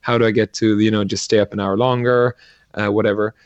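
This man, an angel investor and entrepreneur from Sweden, gives considered answers as an interview guest, hesitating and filling gaps with fillers. He speaks briskly in a fairly low, flat voice, and the recording sounds muffled.

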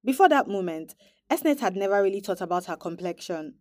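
A woman hosting a podcast, narrating in a reflective, measured scripted style. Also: mid-range voice, expressive, a little mellow, no echo, clean studio sound. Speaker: podcast host.

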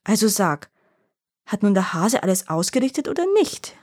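A woman voicing a sly, poor old grandfather who flatters and feigns offense. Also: medium pitch, moderate pace, close to an everyday voice. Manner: wheedling and flattering, then mock-offended.

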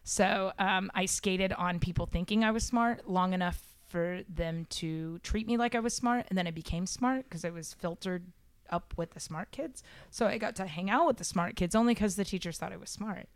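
A woman's voice: mid-range voice, normal speed, dry recording. A woman guest on a podcast, chatting casually and self-deprecatingly with many fillers. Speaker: podcast guest, robotics club founder.

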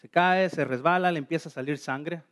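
A man's voice: on the high side, fairly quick, a bit bright. A man preaching a sermon, telling a story in short phrases and putting questions to the congregation while an interpreter follows him. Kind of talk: sermon in Spanish with live interpretation.

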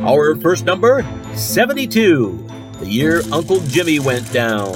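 An actor playing a cranky, eccentric late-night radio host calling bingo numbers in a rambling, deadpan patter. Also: male voice, a little high, a little slow, music in the background.

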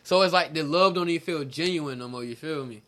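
A man with a moderately high-set voice talks casually among friends while drunk. His speech is loose, profane and thick with slang, constantly addressing the others as bro. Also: a little fast, fairly bright tone. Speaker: co-host of a casual livestream. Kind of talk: casual group chat.

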